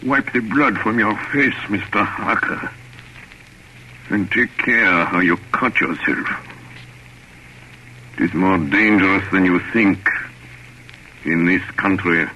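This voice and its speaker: An actor playing a sinister, courteous old vampire count in 1930s radio drama style, slow, formal and mockingly polite. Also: male voice, deep voice, sharp tone, full character voice. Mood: cold warning. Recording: muffled, noisy old radio recording.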